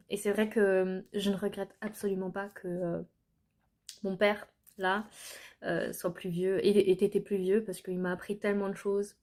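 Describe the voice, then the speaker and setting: A woman's voice: mid-range voice, a little mellow. Young woman from France, vlog storytelling, earnest, hesitant, lots of fillers and restarts. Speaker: vlogger telling her life story. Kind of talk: personal storytelling to camera.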